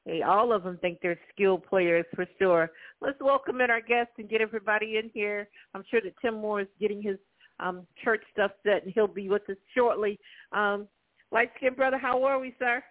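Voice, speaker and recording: A man with a noticeably high voice hosts sports talk radio, chatting and bantering with guests in a casual way. The sound is narrow and thin, like a phone line. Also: moderate pace.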